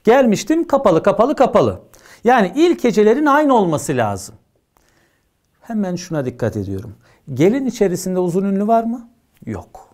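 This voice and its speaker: A male teacher giving an exam prep lecture, his pitch swinging widely as he stresses each point. He drills rules emphatically and keeps checking that his students are following along. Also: huge pitch swings, normal speed, a little mellow.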